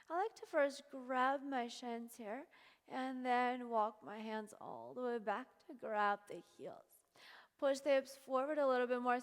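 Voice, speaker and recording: A woman leading a yoga class, giving calm, encouraging step-by-step cues and sounding slightly out of breath. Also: a little high, big-room sound. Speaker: yoga instructor. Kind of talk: guided yoga class instruction.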